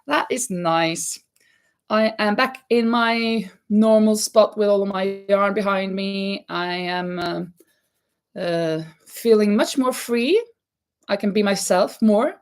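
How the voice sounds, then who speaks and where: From her home craft room, a Norwegian woman whose first language is Norwegian runs a crochet livestream, reading viewer comments and counting stitches aloud with easy laughter. She speaks slowly in a mid-range voice, keeping the chat casual.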